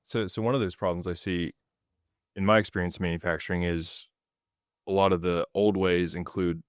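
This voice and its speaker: Deep-voiced male interviewer. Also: moderate pace, clear, resonant tone, dry recording, clean studio sound. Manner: relaxed, asks open questions, laughs easily. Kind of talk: casual interview.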